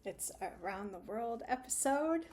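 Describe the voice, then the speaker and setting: A woman co-hosts a casual podcast and speaks at an unhurried, slow pace. She mostly chimes in with short agreeing replies and laughs often. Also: a little high, animated, darkish tone. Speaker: podcast co-host.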